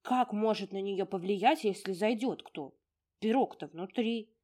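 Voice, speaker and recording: A woman's voice: mid-range voice, a little slow, dark tone, close to an everyday voice. A woman voicing a curious young shop owner. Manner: inquisitive, wondering.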